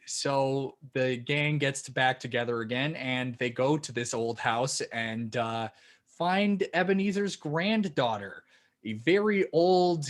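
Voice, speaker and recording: A man of middling pitch co-hosts a casual review podcast. He talks in a laid-back way and drops dry quips as he recaps. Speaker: podcast co-host.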